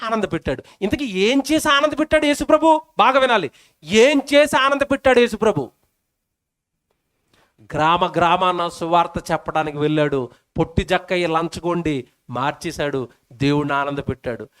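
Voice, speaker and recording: A man with a high-pitched voice preaches a sermon at a public meeting. He keeps asking the crowd questions and hammers points home by repeating words. He acts out the prayers and scripture he quotes. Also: expressive, normal speed, fairly bright tone, clean tone. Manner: preaches with rhetorical questions and repetition.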